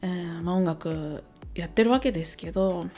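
A woman's voice: fairly low pitch, moderate pace, mellow. Hungover woman chatting casually over music. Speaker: host, amateur-facing musician and songwriter. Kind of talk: casual solo chat to listeners.

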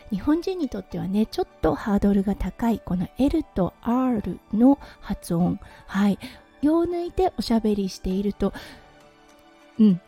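A Japanese woman hosts her casual solo audio show in a very mellow, slightly husky voice, pitched a little high. She talks in a chatty way, sprinkling in little fillers, with faint music playing behind her. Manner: chatty, frequent "ne" and "hai" fillers. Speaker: podcast host. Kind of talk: casual solo radio talk.

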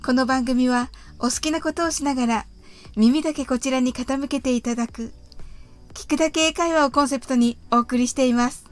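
A woman hosting an English conversation podcast, reading a lesson gently and carefully, drawing out the English examples. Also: high-pitched, fairly even intonation, a little fast, faint music behind.

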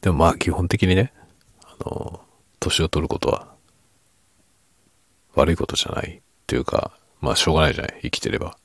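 A middle-aged man chatting softly and casually late at night in a husky, hushed murmur that drifts into whisper, unhurried and trailing off. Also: sits low, fairly even intonation, no echo, studio quality. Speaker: podcast and ASMR creator.

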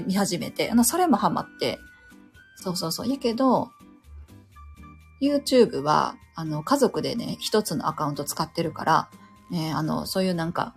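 A woman in her thirties with a Kansai accent chats on her own, rambling and poking fun at herself. Her voice is a little husky, and her pitch swings widely. Faint music plays under her talk. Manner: rambling, self-deprecating, loses her train of thought. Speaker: podcast host, stay-at-home mother. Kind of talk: casual solo chat.

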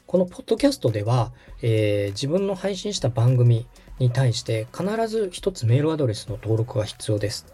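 A podcast host who is also a radio director politely and methodically guides someone through a setup step by step in dialogue. His mid-range voice is dark, slightly rough, and sing-song, moving briskly with few pauses.

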